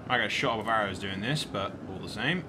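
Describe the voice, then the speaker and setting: A man's voice: lowish voice, expressive, a little fast, noisy background. A man giving casual, sweary gameplay commentary as host of a gaming video.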